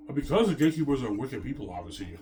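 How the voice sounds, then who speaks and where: A vlogger in his thirties rambles to his viewers over music, self-assured and repetitive, often restarting his sentences. His medium-pitched voice is sing-song and rapid-fire.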